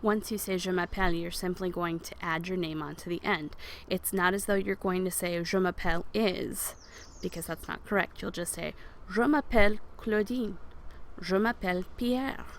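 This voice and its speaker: Low, gravelly-voiced woman teaching French. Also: fairly even intonation, a little hiss or hum. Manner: explains patiently, models French words slowly for repetition. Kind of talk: recorded language lesson over slides.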